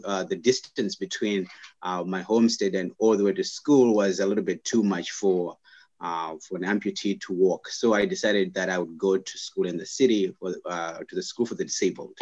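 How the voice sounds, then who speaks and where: A man from Zimbabwe, a scientist and guest, telling his life story in casual interview talk, pausing often with fillers and restarts. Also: low voice, darkish tone, highs cut off. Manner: halting, many "uh" fillers and restarts.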